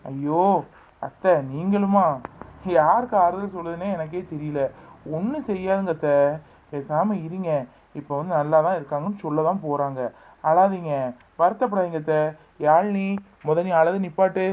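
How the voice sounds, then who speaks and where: A man's voice: sits high, moderate pace, long pauses, natural voice. Man playing a soothing son-in-law, phone-like sound. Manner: soothing, reasoning. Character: young son-in-law, calm and comforting. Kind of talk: amateur family skit.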